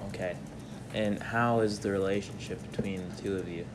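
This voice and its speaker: A young man running a mock-serious interview with deadpan, formal questions. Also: low voice, normal speed, background noise.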